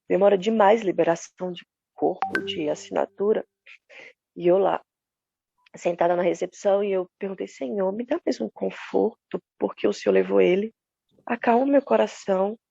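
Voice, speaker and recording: A woman's voice: medium pitch, gravelly, dark tone, breathy edge, no echo, highs cut off. A grieving woman giving an earnest church testimony over a call, retelling conversations and prayers. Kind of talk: emotional personal testimony.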